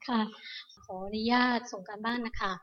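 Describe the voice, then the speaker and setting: A woman telling her meditation teacher about her practice, polite and halting, often repeating words. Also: fairly high pitch, steady tone, fairly bright tone. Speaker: lay meditation student. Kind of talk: personal account to a teacher. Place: temple hall. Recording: dull echoey hall recording.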